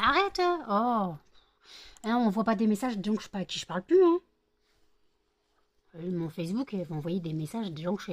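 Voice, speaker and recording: A worn-out woman chatting casually in a home vlog, rambling and repeating herself after a sleepless night of work. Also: mid-range voice. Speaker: vlogger making scented wax melts.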